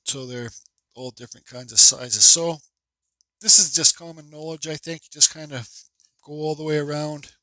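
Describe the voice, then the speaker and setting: Sitting at his workshop bench, a stuffed-up man who teaches woodcarving narrates a tutorial in a loose, rambling way, full of fillers and false starts. He speaks at a normal speed in a fairly high, steady voice that sounds pushed and bright. The recording is dry.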